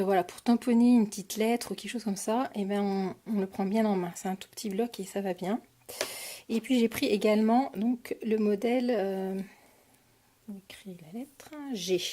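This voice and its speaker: A woman's voice: mid-range voice, mellow, slight background noise. A French woman casually showing her craft supply purchases on camera, talking with many hesitations and fillers. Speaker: crafting vlogger. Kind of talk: casual product haul.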